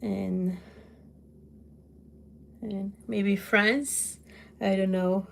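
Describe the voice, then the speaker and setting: Portuguese woman, middle-aged, hosts a casual phone livestream from her kitchen, loud and laughing, takes her time. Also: medium pitch, fairly even intonation, extremely slow, creaky, slight background noise. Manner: loud, laughs often, exclaims. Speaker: livestream host. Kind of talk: casual livestream chat answering comments. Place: home kitchen.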